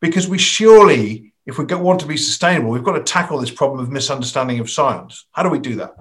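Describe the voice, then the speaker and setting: A man's voice: mid-range voice, expressive, fast talker, a bit bright. A man interviewing a guest, asking questions and telling anecdotes in a conversational manner. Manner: conversational, chatty.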